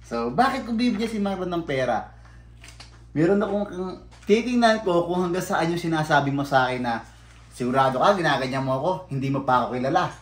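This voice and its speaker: A man in a casual vlog, ranting bluntly and swearing freely, swinging between mumbled low asides and loud outbursts. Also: roomy sound. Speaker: vlogger.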